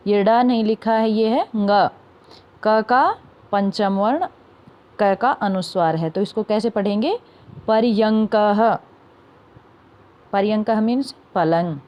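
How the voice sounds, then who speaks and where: A young woman teaching a class of children, sounding out each word slowly and answering her own questions. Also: a little high, dull audio. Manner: slow, careful word-by-word pronunciation drills; asks questions and answers them herself. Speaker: Sanskrit teacher.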